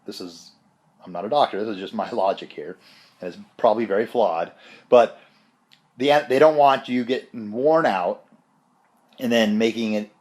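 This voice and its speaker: A man's voice: on the low side, normal speed, pauses often, darkish tone. A man sick with bronchitis and a chesty cough gives a casual, rambling, self-deprecating personal update. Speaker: vlogger giving a health update.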